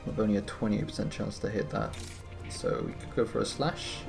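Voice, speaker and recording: A man giving relaxed, wry commentary on his gameplay, sounding a bit tired. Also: on the low side, brisk, gravelly. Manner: relaxed, wry, thinking aloud. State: tired, yawning. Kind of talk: casual let's-play commentary. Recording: music playing behind.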